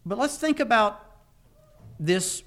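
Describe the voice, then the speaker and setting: Animated preacher man with a high voice. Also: takes it slowly. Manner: animated storytelling, emphatic repetition. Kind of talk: sermon.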